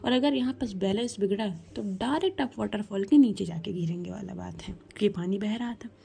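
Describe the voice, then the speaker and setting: A woman's voice: medium pitch, fairly quick, creaky, mellow, husky. A woman telling a story in a chatty, casual way, talking straight to the listener. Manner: chatty, addresses listener as 'bhai'. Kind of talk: casual spoken story narration.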